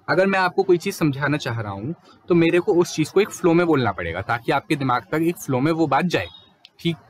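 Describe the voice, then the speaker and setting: A young man giving a casual, fluent lecture as a teacher, explaining quickly and mixing in English terms. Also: fairly high pitch, a little hiss or hum.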